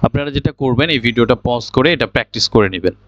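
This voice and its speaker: A man teaching English pronunciation for an exam, explaining slowly and repeating example sentences with care. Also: medium pitch, dry recording, highs cut off. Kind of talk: spoken exam lesson, mixing Bengali and English.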